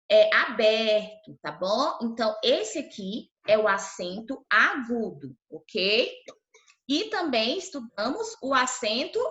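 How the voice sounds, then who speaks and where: Over a video call with roomy, dull, lo-fi sound, a Brazilian woman who teaches primary school works with small children online. She sounds out syllables patiently and checks on them frequently, her voice fairly high and fairly bright.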